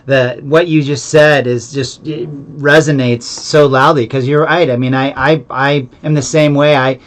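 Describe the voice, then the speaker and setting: A man's voice: mid-range voice, steady tone, moderate pace. A man talking casually as an interviewer, affirming and reflective. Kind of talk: casual conversation.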